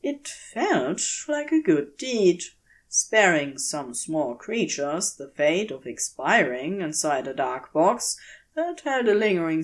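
A woman reads fiction in audiobook style, her slightly low voice unhurried, measured and deliberate. Wide swings in her speech melody give the prose an expressive storytelling shape.

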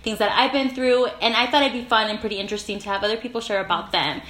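A woman's voice: on the high side, steady tone, quick pace, fairly bright tone. A young adult woman hosting a podcast, upbeat and encouraging toward her guest. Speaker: podcast host. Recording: echoey room, faint noise.

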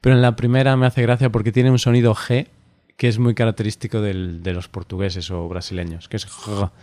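Low-voiced Spanish man chatting casually. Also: brisk, dry recording. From Spain. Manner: relaxed, chatty, laughs often, hesitant fillers. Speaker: podcast co-host. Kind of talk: casual conversation.

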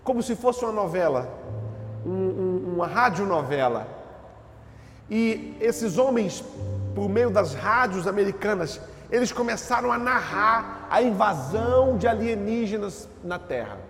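A man preaching a sermon as pastor, swinging between low, steady talk and loud shouted surges, with repeated phrases. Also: unhurried, roomy sound, in a large hall, soft background music. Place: church.

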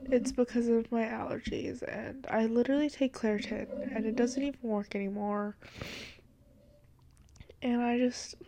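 Against a noisy background, a young woman podcaster from Washington state chats casually about her life at night in her dark bedroom. Her steady voice sits on the high side at a moderate pace, slightly congested from allergies, and her rambling talk is full of "like," "literally," and giggles.

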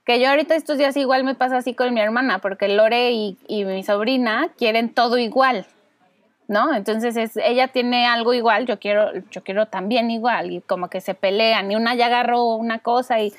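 Brief: Mexican woman in her thirties, lively storyteller on a podcast, higher voice, close dry sound. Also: normal speed, no echo. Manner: animated, acts out kids' voices with squeals. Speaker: podcast co-host. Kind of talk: casual chat.

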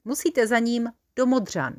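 A woman tells a children's story with a playful, expressive touch, confiding asides to her listeners. Her voice sits a little high for a woman.

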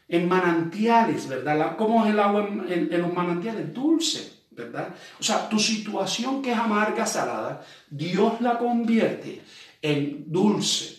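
A man delivers a relaxed, conversational sermon, slowly reading scripture verses aloud before explaining them and often putting rhetorical questions to his listeners. His voice is a little high for a man, and he's recorded from a distance, sounding set back from the mic in a very echoey room.

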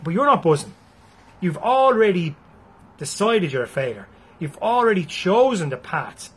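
A man's voice: high voice, big pitch swings, normal speed, fairly bright tone, slightly rough. A man with an Irish accent giving a blunt, freely swearing motivational talk to his viewers. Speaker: motivational speaker.

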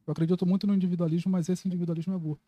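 A man's voice: sits high, little pitch movement, racing, dry recording, lo-fi sound. A man with a Carioca Brazilian accent, speaking informally and with strong opinions in a casual podcast conversation, with some swearing. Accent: Carioca (Rio de Janeiro) Brazilian. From Rio de Janeiro, Brazil.

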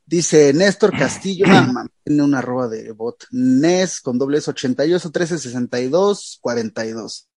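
A man's voice: mid-range voice, normal speed, few pauses, no echo, studio quality. A man with a Mexican accent, a podcast co-host chatting casually and telling a story full of slang. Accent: Mexican Spanish. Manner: animated storyteller, heavy slang, acts out quotes. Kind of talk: casual chat, reading listener questions.

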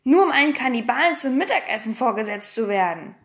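Brief: hoarse cheeky girl adventurer for a storybook, read by a woman, high, bouncy, playful. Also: expressive, quick pace. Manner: boastful, playful. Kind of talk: audiobook reading.

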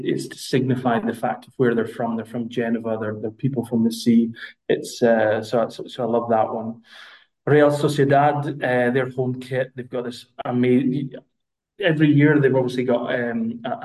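Scottish man, flat hesitant delivery. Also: mid-range voice, poor audio. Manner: hesitant, many fillers and restarts. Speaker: brand representative guest. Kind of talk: podcast interview.

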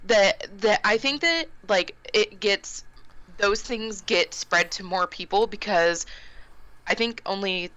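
A woman co-hosting a podcast, talking in a quick, chatty way with fillers. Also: mid-range voice, a bit bright, highs cut off. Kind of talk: casual podcast chat.

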